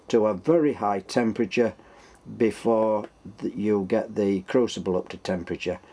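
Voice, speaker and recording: Yorkshire man with a lowish voice. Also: mellow. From Yorkshire, England. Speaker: host of a workshop engineering channel. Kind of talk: casual explanatory tutorial.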